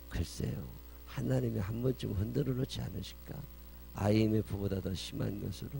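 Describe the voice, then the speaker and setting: A man preaches a dawn sermon as pastor, his voice gravelly and mellow-dark. He asks many rhetorical questions and lifts his voice for scripture. A faint mains hum sits under the recording. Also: lowish voice, rough recording.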